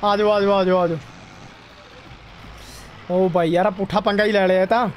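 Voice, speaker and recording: A young man casually commentating a game with a friend, excitable, repeating short exclamations. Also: high voice, normal speed, a little hiss or hum. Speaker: gaming streamer. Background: tractor game sounds.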